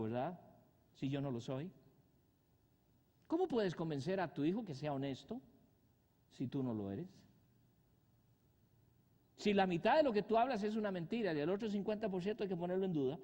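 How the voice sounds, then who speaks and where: A man preaching a sermon, asking the congregation rhetorical questions and swinging from loud rises to soft drops. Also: high-pitched. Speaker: pastor. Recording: long hall reverb.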